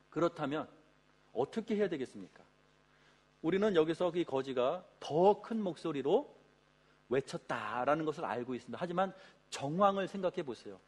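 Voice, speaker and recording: A man's voice: a little high, a little mellow. A male pastor preaching a sermon in a church, who acts out quoted voices for dramatic effect. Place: church sanctuary.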